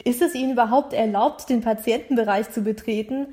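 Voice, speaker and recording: A woman's voice: fairly high pitch, steady tone, a little fast, dark tone, lightly acted. A woman voicing a smug entitled young man. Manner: smug, defensive. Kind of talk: audiobook character voice.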